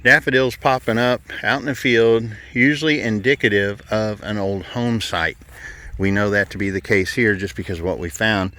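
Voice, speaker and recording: A man's voice: lowish voice, normal speed, pushed and bright. A middle-aged man, chatting casually while walking through woods and fields for his vlog, folksy and easygoing. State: out of breath at times. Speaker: vlogger. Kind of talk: casual hiking vlog narration.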